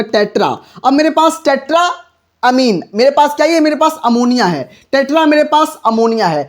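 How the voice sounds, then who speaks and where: Brief: high-pitched male teacher, talks himself through problems with questions and repeats each step. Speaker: chemistry teacher. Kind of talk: lesson.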